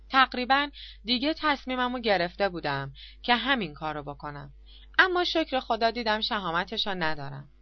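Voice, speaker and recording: Woman, audiobook narrator, first-person, expressive, dull lo-fi sound, dry. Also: medium pitch, no echo. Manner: expressive, confessional storytelling.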